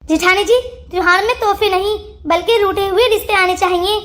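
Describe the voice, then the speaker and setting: A high-voiced performer doing Babita, a sweet young cartoon wife. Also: brisk, a bit bright. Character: warm, sensible young daughter-in-law. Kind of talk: cartoon voice acting.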